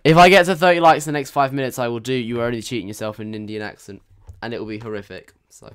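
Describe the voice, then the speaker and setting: A man's voice: mid-range voice, very fast, fairly bright tone, clear, resonant tone, dry recording, studio quality. A man streaming a driving game, reviewing players' driving with playful, teasing banter. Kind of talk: live game commentary.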